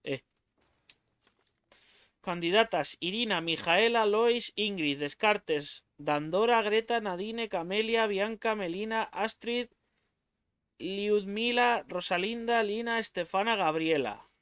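A man's voice: sits high, slow, fairly bright tone, smooth, no room sound. A young man with a Spain Spanish accent doing let's play commentary on a horror game, swearing freely and yelping in fright. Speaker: gaming YouTuber.

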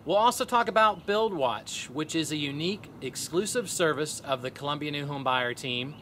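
Bright-voiced man presenting outdoors. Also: fairly high pitch, expressive, moderate pace, slight background noise. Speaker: real estate team leader. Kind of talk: scripted video update to camera. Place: outdoors by a pond in a neighborhood.

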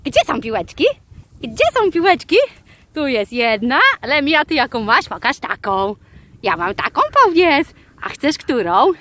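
A woman talking to her dogs outdoors in the fields, in a sing-song baby-talk voice, calling out commands and squealing with excitement. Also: on the high side, slight background noise. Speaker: dog owner vlogger.

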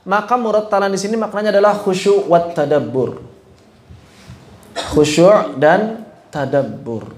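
High-voiced man teaching in an echoey room. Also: measured pace, pauses often. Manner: asks the class questions, mixes casual speech with chanted Arabic. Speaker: Quran recitation teacher. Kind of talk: informal religious lesson.

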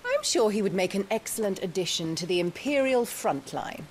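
A woman playing a cold, haughty imperial noblewoman in a dramatic video game, with a theatrical, sardonic and measured delivery. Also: mid-range voice, big pitch swings, lightly acted. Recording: game audio with hissing rain noise.

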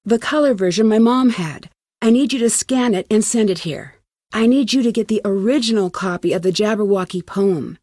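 An actress voices the earnest, determined young woman who leads a detective adventure game as an amateur sleuth, delivering conversational dialogue with intent urgency. Her medium-pitched voice is slightly mellow and moves at a moderate pace, captured as a natural voice in a dry, clean studio recording.

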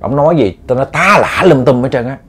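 A man tells a ghost story in a lively way, addressing his listeners directly and repeating himself a lot. He talks fast in a mid-range voice with a breathy edge.

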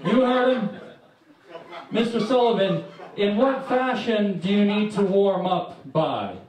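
High-pitched male emcee in an echoey club. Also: slow, a little mellow. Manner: theatrical, projecting to the audience. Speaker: comedy show host and emcee. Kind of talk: stage emcee patter. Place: small dark club stage, indoors. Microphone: handheld stage microphone, captured by a far camera. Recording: echoey club PA from far off, crowd noise.

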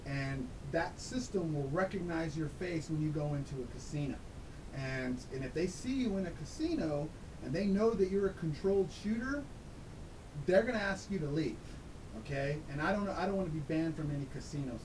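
Male interview guest, disguised voice, slightly high, casual instructor checking in often, noisy low rumble behind. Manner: emphatic, often checks with "okay?". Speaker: guest, dice-control instructor. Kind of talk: casual explanatory interview talk. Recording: clear background noise with low rumble.

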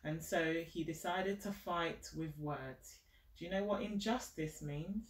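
In her thirties, a woman with a lowish, slightly slow voice reads a picture book aloud to a child, encouraging them and explaining things simply. She sits on the living room sofa at home, captured by a camera a step or two away, so the room sounds echoey and the mic distant.

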